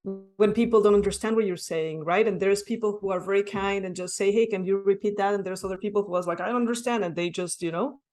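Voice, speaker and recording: As a guest in a conversational podcast interview, this woman from Mexico speaks English as a second language in a Mexican Spanish accent, earnest and reflective, frequently adding "right?". She talks fast with few pauses, at medium pitch with fairly even intonation and a darkish tone. Faint music plays behind her.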